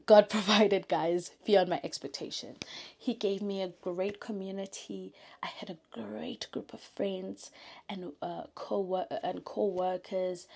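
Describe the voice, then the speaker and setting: A woman from South Africa with a South African accent, telling an earnest, faith-filled story in a casual vlog and often dropping to a soft whisper. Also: on the low side, gravelly. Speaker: YouTuber.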